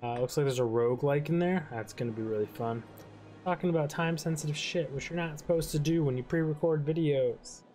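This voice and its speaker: A man's voice: a little high, brisk, dark tone, soft background music. Laid-back rambling man narrating a playthrough. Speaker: gaming channel host. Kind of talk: rambling let's-play commentary over credits.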